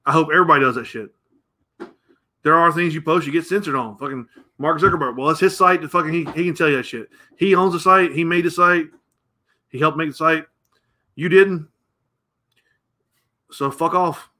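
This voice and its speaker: A man's voice: fairly high pitch, normal speed, long pauses, sharp tone. A middle-aged American man hosting a show, ranting bluntly and profanely and rambling as he goes. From United States. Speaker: podcast host. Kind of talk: opinionated rant.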